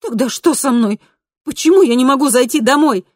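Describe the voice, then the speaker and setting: A woman's voice: drawn-out words, a bit bright, dry recording, clean studio sound, full character voice. A woman voicing a panicked teenage girl. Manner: shrill, desperate cries.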